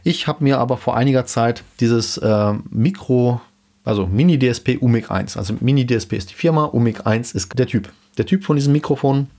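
A man in his thirties explaining gear in a casual home-studio vlog, relaxed with many fillers, into a dynamic studio mic. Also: mid-range voice, fairly quick. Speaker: YouTube host explaining car audio gear. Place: small home studio room indoors. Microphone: dynamic studio mic in front of him.

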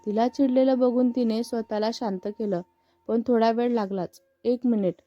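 A woman storyteller giving a steady, expressive scripted reading of a story. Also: on the high side, normal speed, no echo. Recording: muffled with faint background music.

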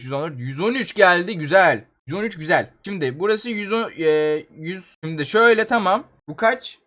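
Young male gamer, high voice and quick delivery, chatty and exasperated commentary for viewers. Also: fairly bright tone. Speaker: gaming YouTuber. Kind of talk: excited gameplay commentary.

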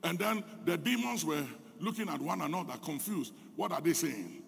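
A Ghanaian man preaching a fervent sermon as pastor, his delivery swelling into shouts, in an echoey church hall. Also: a little high, animated, moderate pace, creaky, breathy edge.

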